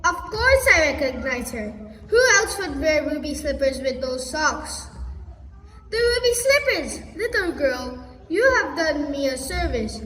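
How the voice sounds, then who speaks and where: A young woman in a school play voicing a spiteful, furious wicked witch who talks in a shrill, accusing way. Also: expressive, unhurried, fairly bright tone, a little hiss or hum. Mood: greedy angry. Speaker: school skit actor. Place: school stage. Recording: echoey hall from far off.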